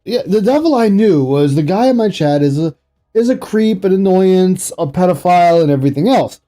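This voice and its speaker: A man's voice: sits high, lively intonation, brisk, dark tone, faint music behind. A man streaming, commenting sarcastically and incredulously on an interview clip he is playing. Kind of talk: reaction commentary.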